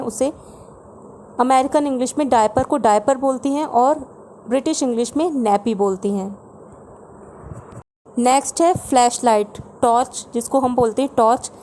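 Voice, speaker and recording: A woman from India teaches vocabulary in a calm, explanatory way, repeating each pair of words. Her voice sits fairly high but sounds soft and mellow. A faint hiss of background noise runs under the recording. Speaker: English teacher. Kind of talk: Hindi vocabulary lesson.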